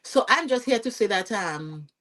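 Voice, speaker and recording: A woman with a Vincentian accent, a podcast guest telling her story in a lively, chatty way and often checking in with "you see what I'm saying?". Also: mid-range voice, normal speed. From Saint Vincent and the Grenadines. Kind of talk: conversational storytelling interview.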